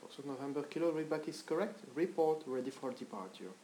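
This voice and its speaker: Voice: mid-range voice, expressive, fast, dark tone. Echoey, procedural air traffic control voice. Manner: procedural, orderly phrasing. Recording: echoey with background noise.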